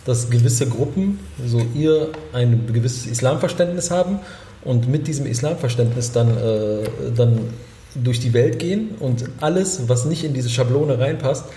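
A man's voice: medium pitch, animated, normal speed, mellow, reverberant, slight background noise. A man co-hosting a casual talk show, hesitant and searching for words with many restarts. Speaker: podcast co-host. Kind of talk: casual discussion.

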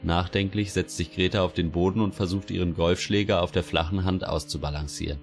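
A man narrating a scripted story in an even, wry manner. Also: low-pitched, a little fast. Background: soft music.

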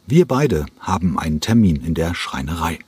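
An urgent, persuasive ballet director, voiced by a man reading an audiobook, pitched up a little from a low, husky reader's voice. He presses and insists, impatient to get his way. The dry, close recording has no room sound. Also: very animated, normal speed, a little mellow, dry recording, full character voice. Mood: playful, explaining.

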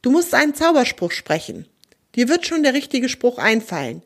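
A woman voicing a calm, confident male magic motorcycle in a children's storybook. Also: fairly high pitch, moderate pace, pitched above the performer's own voice. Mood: reassuring. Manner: calm, reassuring.

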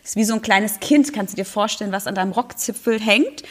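A woman coach with her own practice, talking in a relaxed podcast conversation, reassuring and acting out little inner voices. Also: medium pitch, brisk.

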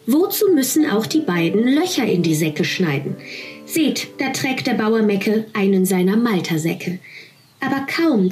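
A woman's voice: medium pitch, a little mellow. A woman reading rhymed children's verse aloud as a storyteller, with a rhythmic sing-song lilt and playful emphasis on sound words.

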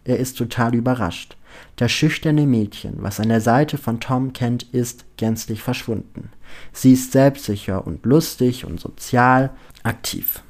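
A man narrating a story in an expressive storytelling manner. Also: medium pitch, unhurried. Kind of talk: story reading.

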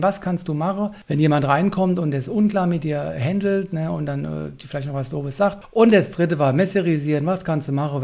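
A man in his forties talks fast through a solo podcast episode. His voice sits a little high, and he pokes fun at himself with blunt, candid asides. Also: a little mellow. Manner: fast, candid, self-mocking with swear words. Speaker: podcast host.

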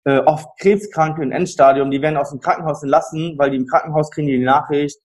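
A man who runs a care service, talking about end-of-life care in an animated conversation. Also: fairly high pitch, fast talker. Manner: animated storytelling, acts out quoted people. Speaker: palliative care service provider. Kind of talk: conversational interview.

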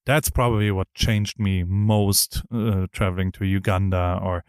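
A middle-aged man hosts a casual interview podcast, talking enthusiastically in rambling sentences with frequent restarts. His deep, smooth, darkish voice is unhurried and fairly even in intonation, captured in a dry, studio-quality recording.

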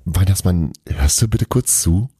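A man's voice: low voice, animated, measured pace, warm tone, breathy edge, no echo, clean studio sound, exaggerated voice. A man voicing Santa's cheerful young female helper, who chatters eagerly.

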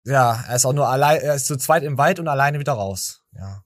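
A man's voice: mid-range voice, expressive, a little fast, no echo, studio quality. A tired man hosting a podcast, rambling and joking with stammering restarts. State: tired from little sleep. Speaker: podcast host. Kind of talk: casual chat.

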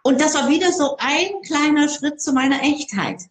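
A woman who speaks on stage, telling stories in an interview in a lively, expressive way. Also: high-pitched, normal speed, echoey room. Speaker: public speaker. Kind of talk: interview conversation.

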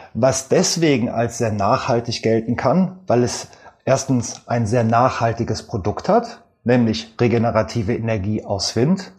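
Speaking with a Rhineland German accent, this man appears as a guest expert in an interview, explaining things carefully and leaning on frequent fillers. He has a mid-range, darkish voice.

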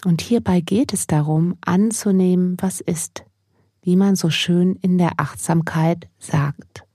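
A woman podcast host and mindfulness coach speaking as a gentle sleep meditation narrator, addressing the listener directly in a mellow, slightly husky, creaky voice. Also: on the low side, fairly even intonation, slow pace, dry recording, studio quality.

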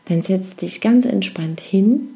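A woman informally introduces a meditation in a gentle, encouraging and reflective way. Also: mid-range voice, slow, vocal fry. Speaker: meditation guide.

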